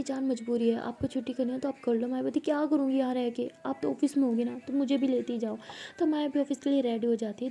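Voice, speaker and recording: A woman's voice: sits high, creaky, dark tone, husky. A young woman casually telling a love story aloud, voicing the characters' dialogue herself with small shifts.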